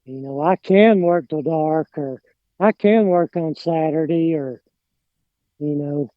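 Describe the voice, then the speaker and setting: This middle-aged lawn care business owner talks slowly in a somewhat high voice and an Appalachian mountain accent, chatting casually on a podcast. His speech rambles and falters, often trailing off. The recording is dry, narrow and tinny.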